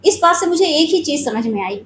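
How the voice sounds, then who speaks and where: A woman with a high voice tells a personal spiritual story in an earnest, confiding manner. She speaks straight to her viewers. The room has a clear echo and a faint ambient hum behind her. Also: animated, brisk, fairly bright tone.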